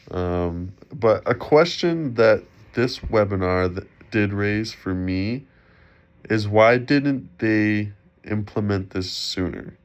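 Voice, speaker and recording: A young man who sounds slightly sick and muffled, giving an informal, halting student presentation for a class. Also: low-pitched, smooth. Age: young adult. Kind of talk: informal spoken presentation for a class discussion post. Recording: dull, lo-fi sound.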